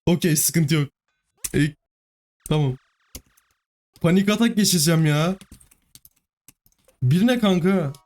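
Guy yelling at his game, begging and swearing, faint music under it. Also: on the high side, slow, pauses often. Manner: excitable, pleading and cursing at the game. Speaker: gaming YouTuber. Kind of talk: live gameplay commentary.

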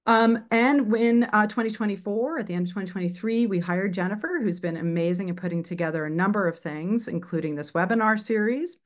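A woman presenting a webinar on arts advocacy, talking briskly through slides with many fillers and quick self-corrections. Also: medium pitch.

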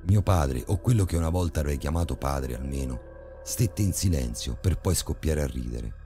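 A man narrating a horror story in a measured, grave way. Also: a bass voice, animated, over music.

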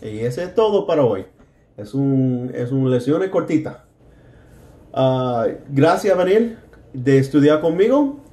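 A man teaching a beginner lesson in Spanish, slowly repeating words for learners to copy. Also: mid-range voice, expressive, warm tone, reverberant. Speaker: English teacher.

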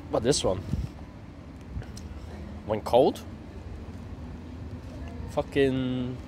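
A man's voice: mid-range voice, very slow, dark tone. Man talking with a full mouth. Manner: sweary, rambling, chatty. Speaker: vlogger. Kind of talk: casual vlog chat. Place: outdoors in a town street. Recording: outdoor street noise. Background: traffic and street noise.

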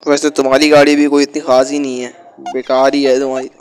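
A man's voice: medium pitch, flat delivery, fast talker, faint music behind, close to an everyday voice. A man voicing a cocky, mocking male rival in an amateur game dub. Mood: taunting. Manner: boastful, mocking.

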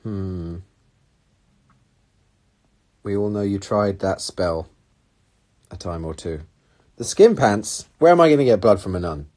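A young man from England hosts a casual livestream on a phone at arm's length, sitting on a red sofa in a small room. His lowish, darkish voice has lively intonation, but he talks a little slowly with long pauses while animatedly reading and answering viewer comments.

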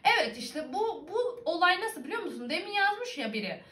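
A young woman with a bright, high voice and an Aegean Turkish lilt, chatting playfully and laughing as she answers her viewers. She talks into a computer webcam, and her voice rings in an echoey room at home. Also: very animated, moderate pace. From İzmir, Turkey. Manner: playful, teasing, laughs often. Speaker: vlogger. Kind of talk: casual chat reading viewer comments.

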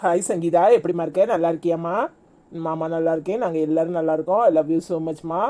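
Woman as an old cartoon grandfather: low, dark, mellow tone, Tirunelveli accent, kindly and slow. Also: fairly even intonation, close to an everyday voice. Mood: warm. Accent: Tirunelveli Tamil.

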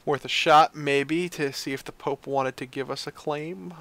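A man's voice: on the high side, fairly even intonation, unhurried, gravelly, a bit bright, dry recording. A man giving casual let's play commentary on a strategy game, grumbling, sighing and swearing at it. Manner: swears freely.

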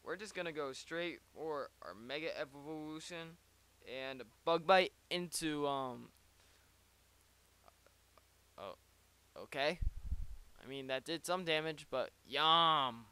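A man's voice: a little high, slow, long pauses, sharp tone, smooth. A man giving casual, rambling play-by-play of his own online battle, with joking asides, close to a desk microphone. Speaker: league player.

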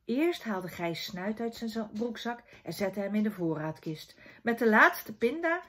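A woman from the Netherlands reading a children's book aloud in an expressive storytelling manner. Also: mid-range voice, measured pace. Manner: expressive storytelling, softening to a hush in quiet scenes.

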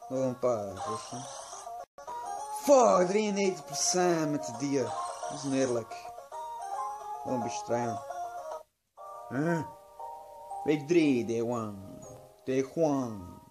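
Slow and full of long pauses, yet lively in intonation, a young man's mid-range voice carries casual gameplay commentary. Tired and drowsy, the gaming host rambles, mutters, and swears some in a small room at home, with game music playing.

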